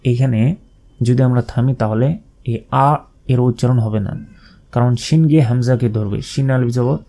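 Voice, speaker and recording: A man with a Bangladeshi accent teaching recitation, spelling out each letter slowly and deliberately, then drawing out the recited phrases. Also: mid-range voice, steady tone, dark tone.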